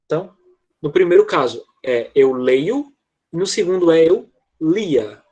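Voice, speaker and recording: A husky-voiced man teaching an online class over a computer mic, his pitch sitting a little high for a man. He explains grammar patiently, checks in with students all the time and slows right down to model each word. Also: lively intonation, mellow. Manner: slows down to model English words. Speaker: English teacher.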